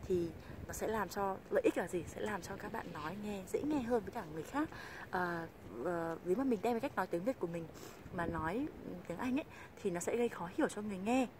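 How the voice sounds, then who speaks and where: A woman from Vietnam teaching English pronunciation in a video lesson, patiently explaining and slowly modeling example sentences. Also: mid-range voice, lively intonation, noisy background. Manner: patient, repeats example phrases slowly and clearly.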